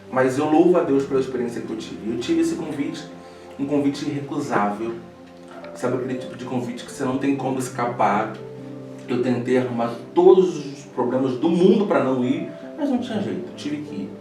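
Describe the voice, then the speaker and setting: Preacher in an echoey room. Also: male voice, medium pitch, lively intonation, normal speed. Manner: storytelling, emotional, laughing at himself. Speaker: preacher guest. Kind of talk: casual chat. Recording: echoey room from far off, faint music.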